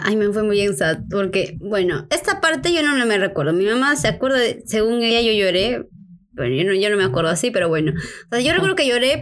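A woman in her twenties telling a personal story in casual chat, animated and full of slang fillers. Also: mid-range voice.

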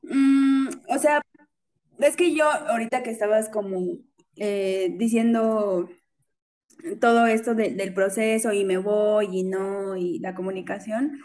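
A woman's voice: medium pitch, fairly even intonation, a little slow, darkish tone. A woman speaking hesitantly in a casual podcast chat.

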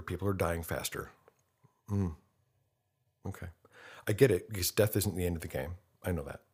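With a deep, husky voice, this podcast host in his fifties delivers an earnest, outspoken monologue. He fires off rhetorical questions and quotes people in a mocking tone.

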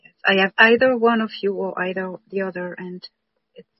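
A woman speaking as a guest over a breaking-up video call connection, hesitant and pausing with many fillers. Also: mid-range voice, fairly even intonation. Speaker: guest on a live stream. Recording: dull lo-fi internet call audio.

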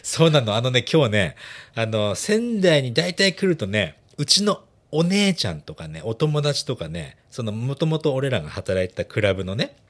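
Male host, husky, very lively pitch, relaxed bilingual banter. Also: normal speed. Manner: animated, laughing, switches between Japanese and bits of English. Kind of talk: casual bilingual chat.

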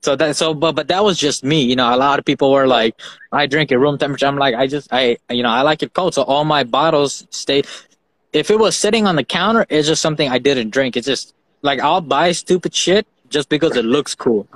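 A man's voice: mid-range voice, brisk, fairly bright tone, no echo, poor audio. A man from Fiji hosting a casual chat, rambling and repeating words as he talks, swearing now and then. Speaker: host.

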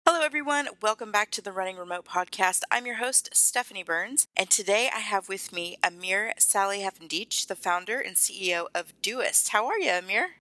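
A woman's voice: medium pitch, lively intonation, brisk, few pauses, bright, forceful tone, no echo. A woman hosting a podcast, delivering introductions and interview questions in a polished, presenterly way. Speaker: podcast host.

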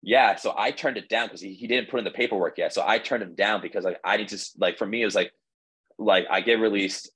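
A man's voice: fairly low pitch, fast talker, fairly bright tone, slightly rough, low-quality recording. A man in his twenties, a podcast guest telling his story in a casual, rambling way, full of "like" and restarts. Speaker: podcast guest, baseball pitcher.

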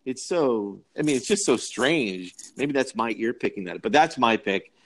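A man's voice: mid-range voice, animated, normal speed. A man co-hosting a casual film discussion, rambling with lots of restarts and repeated words. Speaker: podcast co-host.

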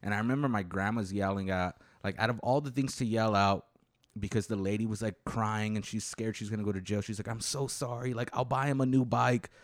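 A man's voice: fairly low pitch, fairly even intonation, fairly quick, dry recording, clean studio sound. A man hosting a podcast, telling a story in loose, profane chat and calling his guest "dude" a lot. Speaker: podcast host. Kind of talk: casual chat.

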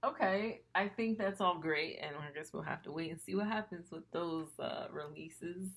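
A woman's voice: fairly low pitch, moderate pace. A woman co-hosting a casual podcast, chiming in with short questions and quips. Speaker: podcast co-host. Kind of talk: casual chat.

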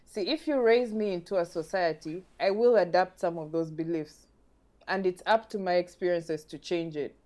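A young woman hosting a casual podcast conversation, chatty and quick to laugh as she prompts her guest with questions. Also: on the low side, warm tone. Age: young adult. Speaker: podcast host.

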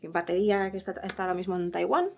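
A woman hosting a casual interview chat, lively and quick to laugh and exclaim. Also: on the low side, vocal fry, faint music behind. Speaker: host.

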